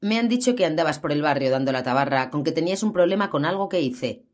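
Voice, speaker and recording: A woman's voice: sits low, animated, fast. A woman reading the part of a sadistic, menacing male thug in an audiobook. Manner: taunting, menacing. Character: sadistic big adult male thug with a gun.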